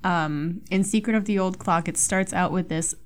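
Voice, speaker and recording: A woman's voice: on the low side, moderate pace. Rambling, swearing young woman podcaster. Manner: rambling, profane, self-mocking. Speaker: podcast host. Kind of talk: casual solo podcast chat.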